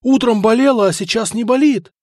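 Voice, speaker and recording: A male narrator plays common men from a port crowd, raving and shouting with joy. The voices are pitched very high and loud, recorded close and dry. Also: brisk, no room sound. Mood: ecstatic.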